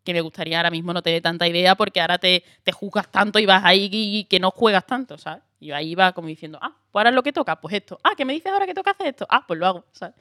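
A young woman from Andalusia, chatting as a guest and telling lively stories with laughs. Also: lowish voice, very fast, hardly any pauses, no room sound, clean studio sound. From Andalusia, Spain. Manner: lively storyteller, laughs often, acts out quotes. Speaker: guest actress. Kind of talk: casual chat.

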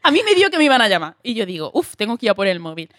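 A young woman with an Andalusian accent, a guest actress chatting casually and telling lively stories, acting out quoted dialogue and laughing often. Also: medium pitch, racing, dry recording. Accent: Andalusian Spanish. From Andalusia, Spain. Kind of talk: casual chat.

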